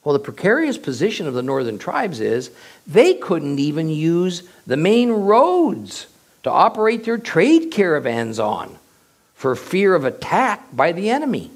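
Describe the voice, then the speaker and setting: A man giving a verse-by-verse Bible teaching, reading the passage aloud and then explaining it with emphatic, drawn-out phrasing. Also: a little high. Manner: expressive, emphatic delivery with drawn-out pauses.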